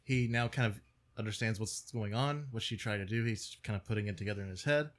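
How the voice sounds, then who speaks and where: A man's voice: on the low side, quick pace, heavy background noise. A man playing at the game table, talking hesitantly with many ums. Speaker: player. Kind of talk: casual chat at the game table.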